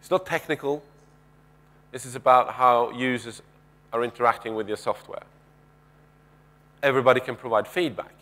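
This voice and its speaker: A keynote speaker in his thirties addresses a large conference stage through a headset mic, pacing and gesturing. He talks at a moderate pace with frequent pauses in a mid-range, fairly bright voice. His style is conversational, with questions for the audience and many restarted sentences.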